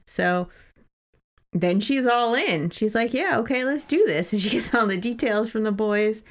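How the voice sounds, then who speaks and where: Speaking in a creaky, mid-range voice, a female podcast co-host gives an informal, giggly, slightly sweary retelling of a book. The casual discussion mixes her retelling with read-out passages.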